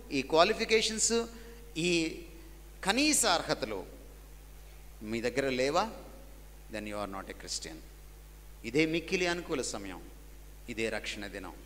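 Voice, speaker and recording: A man preaching a sermon, swinging between loud emphatic peaks and low quiet drops, and mixing English lines into his preaching. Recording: long hall reverb.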